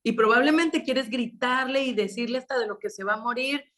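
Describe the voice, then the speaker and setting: A woman's voice: fairly high pitch, fairly quick, a bit bright. A woman with a Mexican accent preaching a sermon at a women's meeting, telling a story in a conversational way with many rhetorical questions.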